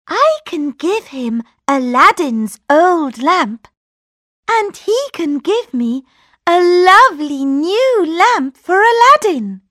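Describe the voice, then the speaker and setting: A woman voicing a kind, eager young princess in a high, bright way. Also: sing-song, slow, no echo, clean studio sound, heavily acted. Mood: pleased.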